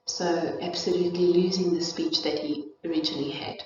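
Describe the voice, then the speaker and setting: A woman's voice: on the low side, fairly even intonation, a little fast, mellow. A middle-aged woman with a South African accent gives an informal educational talk, speaking thoughtfully with frequent fillers and restarts. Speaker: presenter of a parenting and child development talk. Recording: echoey, distant, dull room recording.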